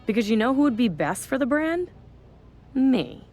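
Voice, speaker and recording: A woman voices a smug, scheming female wrestling general manager in a video game cutscene, talking down to others with condescension and sarcasm. Her voice is a little high yet darkish in tone, very animated, at normal speed, with faint music behind.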